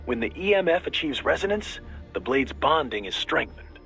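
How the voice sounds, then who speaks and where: A voice actor plays an easygoing, tech-savvy male mission advisor giving a radio briefing in a video game, explaining things casually and keenly. His exaggerated voice is a little high, very animated, creaky and fairly bright at a normal speed, with faint music behind.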